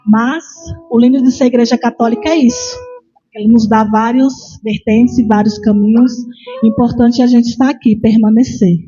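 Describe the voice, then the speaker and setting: A woman with a Brazilian Portuguese accent preaches in a church chapel, telling her own story in a relaxed, chatty way. Her voice sits a little high and sounds soft and mellow. The recording is dull and lo-fi, with a faint instrument playing behind her. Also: moderate pace, soft background music. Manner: conversational, frequent "né" tag questions. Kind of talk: sermon with personal testimony.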